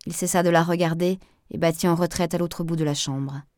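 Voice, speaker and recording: A woman narrating a novel as an audiobook, in a measured, even storytelling manner. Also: lowish voice, no echo, studio quality.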